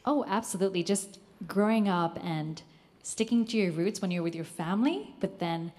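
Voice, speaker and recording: A woman's voice: mid-range voice, animated, moderate pace, darkish tone. A woman from the Philippines with an American accent, sharing enthusiastically in a book discussion. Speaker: book club participant.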